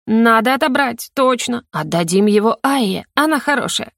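A woman's voice: on the high side, animated, moderate pace, fairly bright tone, no echo, clean studio sound, pitched above the performer's own voice. Woman reading a slurring tipsy heroine. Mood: giddy. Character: drunk giggly young woman in a man's body. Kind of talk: audiobook character reading.

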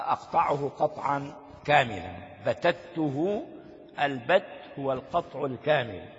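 Older sheikh teaching with gravelly voice. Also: male voice, mid-range voice. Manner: explains slowly, quizzes listeners with rhetorical questions. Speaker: sheikh teaching a hadith text. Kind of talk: classroom commentary on a classical text. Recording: lo-fi recording with long reverb in a hall.

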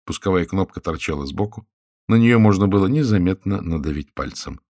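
Deep-voiced man reading a story. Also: expressive, fairly quick, darkish tone, no echo, clean studio sound. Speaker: audiobook narrator. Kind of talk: scripted narration.

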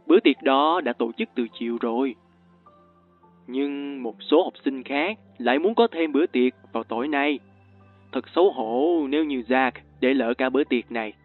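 A man voicing a calm, sugary yet threatening ghostly old woman teacher in an audiobook story. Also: medium pitch, moderate pace, lightly acted. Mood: sweetly menacing. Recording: tinny lo-fi with faint music.

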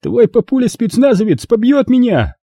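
Male reader voicing a loud, sneering teen bully; high-pitched, lively, husky. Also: normal speed, dry recording, clean studio sound, exaggerated voice. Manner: mocking, theatrical taunting. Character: sneering teenage boy bully, loud and crude.

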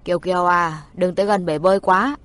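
A woman doing a gentle middle-aged father for a spoken story, soft and low. The voice has a husky grain. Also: rapid-fire, no room sound, lightly acted.

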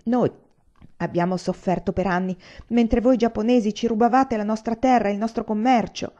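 A woman's voice: medium pitch, fairly even intonation, normal speed, warm tone, lightly acted. A woman reading a novel aloud and voicing an angry, accusing husband who argues in raised, insistent outbursts. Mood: heated. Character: angry, accusing Chinese husband, adult man. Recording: slightly dull lo-fi recording.

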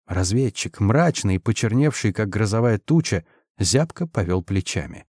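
Low-voiced man reading an audiobook. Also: expressive, moderate pace, warm tone, dry recording, studio quality. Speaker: audiobook reader. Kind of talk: scripted narration.

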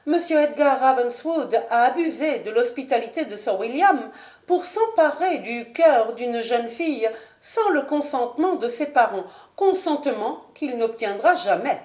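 Woman reading a high, commanding noble lady, sharp and disdainful, for a storybook; roomy room. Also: animated, measured pace. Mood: imperious. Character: haughty proud noblewoman, imperious lady of the house. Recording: roomy home recording.

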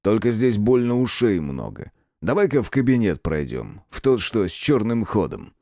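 A man's voice: lowish voice, big pitch swings, mellow, no echo. Man voicing a stern dry investigator. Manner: dry, measured.

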